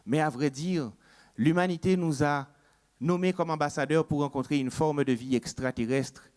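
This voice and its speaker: A man's voice: fairly high pitch, normal speed, darkish tone, pitched below the performer's own voice, natural voice. A man voicing a solemn Haitian astronaut who leads the mission, speaking in a grave, ceremonious way.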